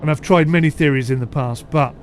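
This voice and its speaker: A man talks through a ship simulator on a live stream in a loose, chatty way, poking fun at himself and answering his chat. His voice sits a little on the high side for a man. A faint steady hum runs under the recording. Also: a little fast. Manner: chatty, self-deprecating, answers chat comments aloud. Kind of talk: casual live-stream commentary.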